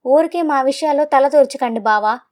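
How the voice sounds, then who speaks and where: Sharp-tongued daughter-in-law, heated and defiant, storybook tale, read by a woman, high voice. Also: fairly quick, close to an everyday voice.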